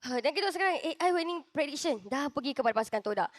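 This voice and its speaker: A woman's voice: high-pitched, lively intonation, quick pace, dry recording. A woman with a Malaysian accent doing urgent live play-by-play of an esports match, narrating each action as it happens.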